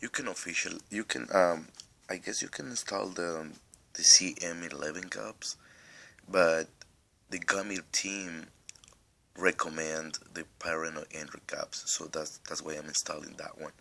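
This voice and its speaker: A man with an extremely low, gravelly voice and a non-native accent talks through a phone tutorial in a casual, rambling way. His tone is bright and forceful on top of that deep growl, a little husky, and he has a nagging cough. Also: steady tone, a little slow, a little hiss or hum. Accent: non-native English accent. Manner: rambling, restarts often, step-by-step. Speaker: tech tutorial host.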